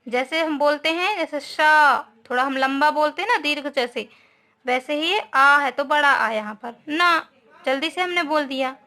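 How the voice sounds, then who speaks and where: A woman's voice: high-pitched, normal speed, bright, forceful tone. A woman teacher giving a grammar lesson to schoolchildren, spelling out each word, asking the class questions and often adding a short tag question.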